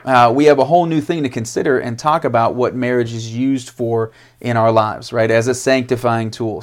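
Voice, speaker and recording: Conversational man hosting a faith chat. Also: mid-range voice. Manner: conversational, quick to affirm and joke. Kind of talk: casual faith discussion.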